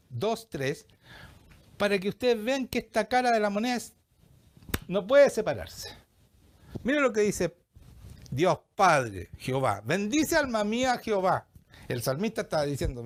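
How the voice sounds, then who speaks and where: Male preacher, Chilean accent, highish and very expressive delivery, questions the congregation often. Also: a little slow, pauses often. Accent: Chilean Spanish. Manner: animated, acts out quoted voices, asks the congregation questions. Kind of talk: sermon.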